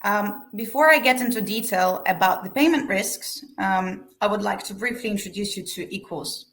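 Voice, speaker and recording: A woman's voice: mid-range voice, normal speed, a bit bright. A young woman from Estonia, giving a business webinar and reading from a prepared script. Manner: reads a prepared script evenly. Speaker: webinar speaker, sales manager.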